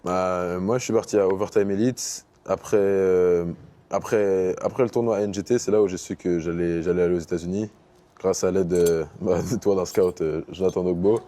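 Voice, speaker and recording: A young man's low, mellow voice moves at a moderate pace with fairly even intonation. He is a basketball player guest from Paris, casually answering interview questions and easing into English basketball terms.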